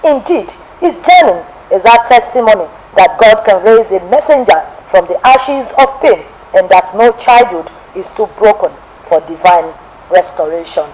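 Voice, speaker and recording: A woman from Nigeria hosting a television testimony program and reading a formal, measured biographical narration. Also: mid-range voice, lively intonation, crowd noise, poor audio.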